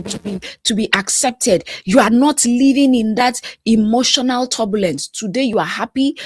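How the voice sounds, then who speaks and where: A woman's voice: fairly high pitch, dry recording. Woman, life coach, emphatic repetitive cadence, occasional whispers, dry close sound. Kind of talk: motivational talk to camera.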